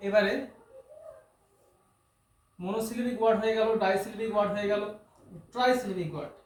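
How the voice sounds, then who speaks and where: A man's voice: high voice, fairly even intonation, normal speed. A man teaching English grammar, explaining terms step by step, repeating key words and asking rhetorical questions. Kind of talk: classroom-style explanation. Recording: echoey room with faint noise.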